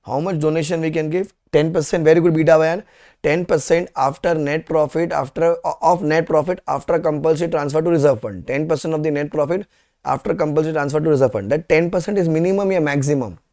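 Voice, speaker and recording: An Indian-accented male teacher with a slightly high-pitched voice. He lectures to a live class, quizzing students as he goes and saying key questions and phrases more than once so they stick. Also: quick pace, dark tone. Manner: repeats questions and phrases for emphasis.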